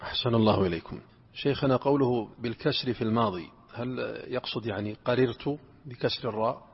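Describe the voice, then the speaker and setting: A man's voice: medium pitch, quick pace, breathy edge. A man reading the text aloud in a class and respectfully asking his teacher questions. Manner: respectful, addresses the teacher formally before reading. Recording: distant lo-fi mic in a reverberant hall.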